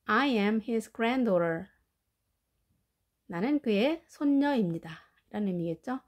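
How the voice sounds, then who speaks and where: A woman with Korean as her first language, teaching English family words and slowly drilling their pronunciation. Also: a little high, expressive. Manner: slow, careful pronunciation drills. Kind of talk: vocabulary lesson.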